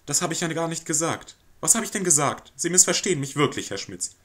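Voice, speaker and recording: A man's voice: lively intonation, a little fast, a bit bright. A man doing a flustered, anxious housewife. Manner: pleading, flustered, high and over-eager. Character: fretful, anxious middle-aged housewife. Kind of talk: audiobook reading of a stage play.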